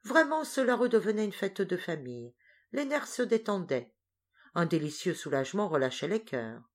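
Woman with a lowish voice reading a story out loud, expressive and lively. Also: moderate pace. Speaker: narrator. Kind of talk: scripted narration of a novel.

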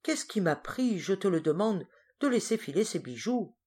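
A woman's voice: mid-range voice, very animated, moderate pace, darkish tone, slightly rough. A down-on-his-luck male crook grumbling to his partner in slangy, self-mocking complaints, as a woman narrator puts him on. He rants in bursts, rueful and sore at himself, in a storybook reading. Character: grumbling male thief, dejected and gruff.

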